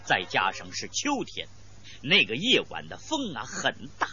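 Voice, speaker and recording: Slow, lively woman storyteller. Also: rumbling low, lo-fi sound, faint music behind. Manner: dramatic, emphatic, with sound words. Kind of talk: traditional storytelling narration.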